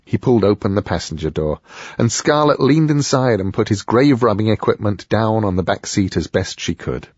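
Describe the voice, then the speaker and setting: Husky, lively-pitched male audiobook narrator. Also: a little fast, dry recording, muffled recording. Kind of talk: scripted narration.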